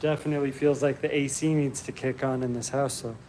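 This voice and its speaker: A man hosting a casual live stream Q&A from his home, relaxed and chatty with frequent ums. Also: mid-range voice, brisk, a little hiss or hum.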